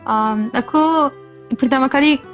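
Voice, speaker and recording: A woman's voice: high voice, unhurried, faint music behind. A woman from Turkey with a Turkish accent, answering interview questions casually in a foreign learner's simple phrasing. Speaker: interview guest, language learner.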